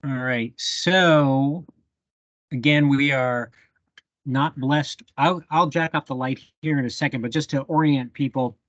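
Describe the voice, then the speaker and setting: A man's voice: mid-range voice, unhurried, no echo, highs cut off. A man leading a live bee identification workshop over a video call, thinking aloud with fillers as he works a microscope. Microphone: computer mic on a video call.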